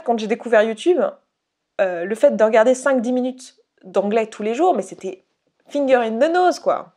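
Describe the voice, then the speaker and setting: A young woman from Haute-Savoie chats straight to camera in a relaxed vlog. She talks candidly and loosely, restarting sentences and leaning on fillers. Her voice sits in an ordinary middle pitch. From Haute-Savoie, France. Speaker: YouTuber. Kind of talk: casual vlog monologue.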